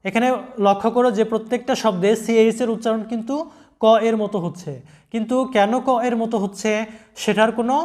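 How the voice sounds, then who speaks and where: A man giving a slow, deliberate vocabulary lesson, spelling out letters and repeating each word. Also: high voice, darkish tone. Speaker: English pronunciation teacher.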